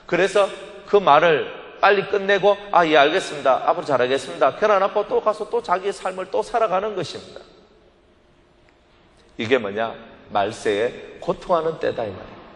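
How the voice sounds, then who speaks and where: A man's voice: high voice, animated, normal speed, a bit bright. A male pastor preaching a sermon emphatically, asking rhetorical questions and answering them himself. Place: church sanctuary. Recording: echoey church hall.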